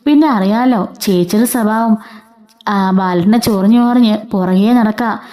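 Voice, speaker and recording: Woman reading as worried older man, calm explaining, mellow voice. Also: medium pitch, moderate pace, natural voice. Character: worried older family friend, male.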